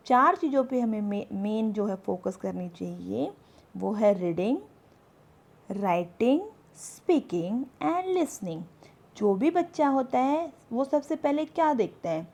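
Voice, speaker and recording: Slow, gravelly-voiced woman teacher. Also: fairly high pitch, warm tone. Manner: slow, explanatory, reads English tips aloud. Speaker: English teacher. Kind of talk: spoken English lesson in Hindi.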